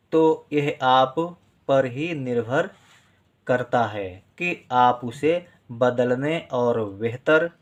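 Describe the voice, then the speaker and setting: A male teacher giving a spoken handwriting lesson, reading phrases slowly and spelling out each syllable with its vowel sign. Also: mid-range voice. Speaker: Hindi writing teacher.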